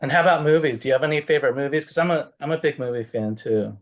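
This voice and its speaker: A man hosting a casual interview, friendly and asking quick follow-up questions. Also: on the high side. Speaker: interviewer, host of an English club.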